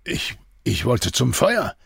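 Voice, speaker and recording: A man's voice: medium pitch, huge pitch swings, takes it slowly, gravelly, fairly bright tone, husky, no echo, clean studio sound, heavily acted. A man voicing a sleepy, bewildered male army doctor who stammers and hesitates in an audiobook. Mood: confused.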